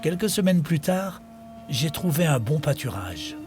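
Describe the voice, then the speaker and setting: A man voicing a dromedary that tells its life story in measured nature documentary narration, scripted and in the first person. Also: a little high, sing-song, over music. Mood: narrating. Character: male dromedary telling its own life in the desert.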